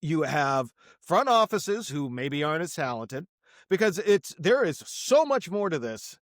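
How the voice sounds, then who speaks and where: A man co-hosting a sports podcast who reasons things through. His voice is fairly high and full of rise and fall. The recording is dry and close. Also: big pitch swings, measured pace, no echo. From Boston area. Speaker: podcast co-host. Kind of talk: casual sports chat.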